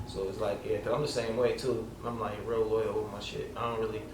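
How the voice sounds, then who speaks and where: In an echoey, noisy space with the mic at a distance, a man hosts a casual podcast interview, rambling loosely and leaning on filler "like" and street slang. His voice is described as light yet lowish, with a level tone and brisk delivery.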